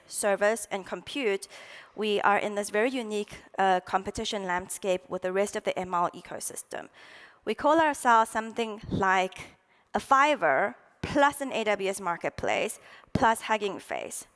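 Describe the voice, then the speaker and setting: Woman delivering a salesy startup pitch. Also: animated, moderate pace, fairly bright tone.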